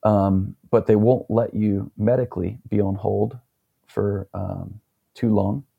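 A young man casually recounting a story as an interview guest, relaxed and rambling with plenty of fillers. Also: lowish voice, slow, creaky, slightly rough, no echo, phone-quality sound.

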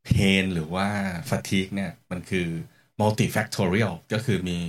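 A man's voice: low voice, fairly even intonation, slow pace. A man who coaches runners and hosts a podcast, explaining training ideas in a casual chat and mixing in English sports terms. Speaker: running coach and podcast host.

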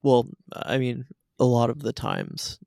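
Male podcast host, reflective and self-deprecating, with noticeable vocal fry, close dry sound over music. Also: mid-range voice, level tone, unhurried, mellow, no room sound. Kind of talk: casual podcast discussion.

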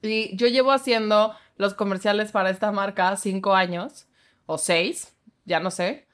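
A woman's voice: medium pitch, measured pace. A woman with an upper-class Mexican fresa accent, co-hosting a casual comedy podcast, telling stories with laughs and mimicking others. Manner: animated, laughing storyteller who mimics others. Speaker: podcast co-host and voice-over artist.

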